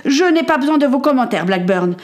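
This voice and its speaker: A woman's voice: high-pitched, expressive, a little fast, voice pushed up. A woman playing a stern ship captain. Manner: commanding, curt.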